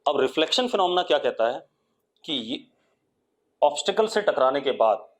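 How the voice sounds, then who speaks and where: A man with an Indian accent teaches a live online physics lesson. He coaxes his students with repeated questions and waits for their answers. He dictates definitions slowly, word by word, in English. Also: a little high, big pitch swings.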